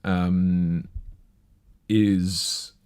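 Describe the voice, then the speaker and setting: A man's voice: low-pitched, level tone, drawn-out words, a little mellow, smooth. A man hosting a live show in casual chat, with a rambling, chatty, self-deprecating delivery. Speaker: host.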